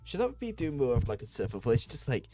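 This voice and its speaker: A man's voice: medium pitch, sing-song, fast, warm tone, soft background music. A man streaming a game, chatting casually in a self-deprecating way.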